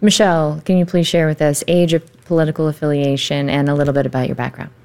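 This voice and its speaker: A woman moderating a panel discussion, asking questions in a polite, measured way. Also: low voice, little pitch movement, darkish tone.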